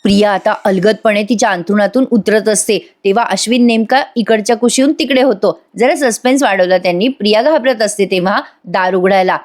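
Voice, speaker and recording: A woman's voice: mid-range voice, brisk, hardly any pauses. A woman narrating a voice-over episode recap, chatty and talking straight to viewers. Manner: chatty, addressing viewers directly. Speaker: TV serial reviewer.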